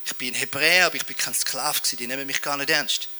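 A man's voice: mid-range voice, quick pace, bright, forceful tone, pitched below the performer's own voice. A preacher voicing Moses as a doubting, self-pitying Hebrew man in a sermon, speaking glumly and putting himself down. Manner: glum, self-deprecating.

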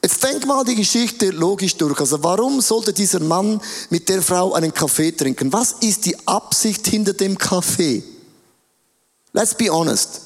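A man preaching an animated sermon in a church hall, his voice pitched high. He slows down and stretches key words for emphasis and acts out the voices he quotes. A long reverb trails after each phrase.

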